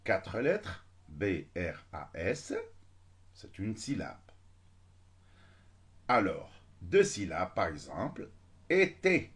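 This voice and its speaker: A man with an Algerian accent teaching a beginners' French lesson, switching between French and Algerian Arabic and drawing out syllables slowly. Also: deep voice, sing-song.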